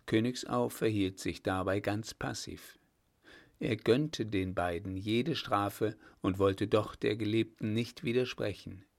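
A man narrating an audiobook in a calm, measured storytelling manner. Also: lowish voice, gravelly. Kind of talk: scripted narration.

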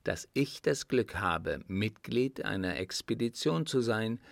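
A man's voice: lowish voice, expressive, unhurried, gravelly, dry recording, clean studio sound. A man voicing a young officer with teasing, ironic humour in an audiobook. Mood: calm teasing. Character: young male officer, dryly joking adventurer. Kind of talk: audiobook dialogue reading.

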